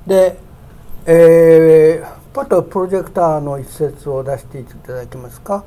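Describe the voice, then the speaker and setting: A pastor preaching a sermon, building to emphatic raised peaks on key words and slowing down to read scripture aloud, in a church sanctuary. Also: medium pitch, warm tone.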